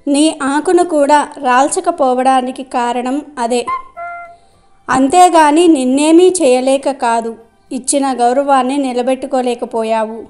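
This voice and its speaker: A woman's voice: sits high, dark tone. A woman voicing an angry male wind god in a storybook tale, stern and threatening.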